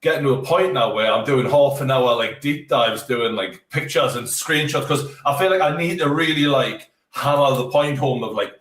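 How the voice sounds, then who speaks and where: A man's voice: medium pitch, normal speed, few pauses, a bit bright. A man, a guest in casual chat, talking bluntly and swearing freely, heard through a tinny, metallic-sounding mic. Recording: tinny echoey remote mic from far off.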